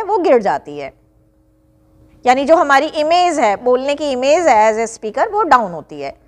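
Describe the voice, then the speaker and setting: High-voiced woman teaching a lecture. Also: a bit bright. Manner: reads English definitions slowly, then explains in Hindi. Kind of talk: exam-revision lecture. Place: classroom-style online lesson.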